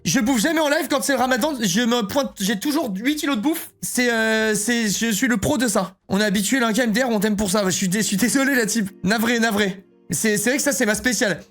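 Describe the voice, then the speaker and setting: A man's voice: very high voice, a little fast, hardly any pauses, fairly bright tone, soft background music. Joking, rambling streamer man. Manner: rambling and joking, reads chat aloud. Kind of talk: casual live-stream chat.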